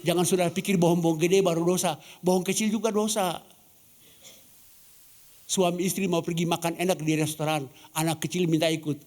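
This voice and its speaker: A pastor from Ambon preaches in a church, his voice sitting a little high for a man. He keeps turning questions back on the congregation and slips into the voices of the people in his stories. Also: level tone, fairly quick, darkish tone. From Ambon, Indonesia. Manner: questions the congregation, acts out quoted dialogue. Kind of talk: sermon.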